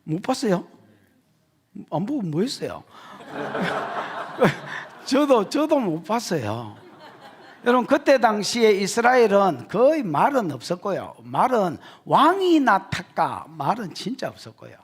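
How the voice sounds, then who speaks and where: A man with a Gyeongsang Korean accent preaching an expository sermon as pastor, joking with the congregation and shouting his key points. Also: sits high, slow, breathy edge. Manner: animated, jokey, shouts for emphasis.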